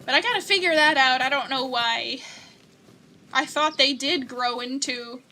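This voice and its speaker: A woman's voice: high-pitched, normal speed, bright, forceful tone, a little hiss or hum. A young woman streamer chatting casually as she plays a game, reading chat and giggling often. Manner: chatty and giggly, coos at pets. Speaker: gaming streamer.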